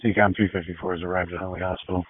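A man's voice: low voice, little pitch movement, rapid-fire, slightly rough, no echo. A male emergency responder giving clipped status reports over a tinny two-way radio.

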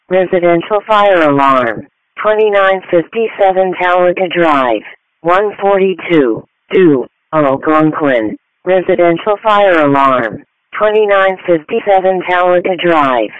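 A man's voice: high voice, lively intonation, a little slow, no room sound. A man reading clipped, itemized emergency dispatch announcements over the radio. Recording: thin, phone-like radio broadcast.

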